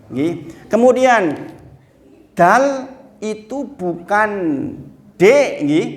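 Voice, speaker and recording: A man with a Javanese accent leads a religious lesson on Quran recitation, his voice sitting a little high. He speaks at an unhurried pace and drops into a slow chant for the Arabic verses. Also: darkish tone.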